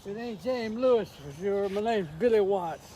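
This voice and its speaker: A high-voiced man from South Carolina with a Southern accent, chatting casually outdoors. He sounds alert and wide awake, with a folksy, easygoing way of talking. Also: expressive, normal speed, warm tone. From South Carolina, United States. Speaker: recreational angler. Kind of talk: casual chat. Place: outdoors on a beach.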